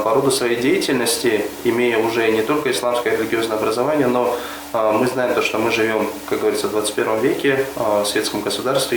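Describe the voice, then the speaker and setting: A young man talks quickly in a fairly low voice, pausing on fillers as he thinks through his answers. The room is echoey and noise is clearly audible behind him. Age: 20s. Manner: thoughtful, many hesitations and restarts. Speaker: deputy mufti, interviewee. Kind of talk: interview answers.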